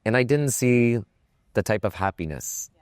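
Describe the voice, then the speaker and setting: A man's voice: mid-range voice, expressive, moderate pace, no echo, studio quality. A man hosting a podcast, talking in a reflective, searching way with many fillers. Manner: reflective, hesitant, many "you know"s. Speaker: podcast host. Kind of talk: casual podcast conversation.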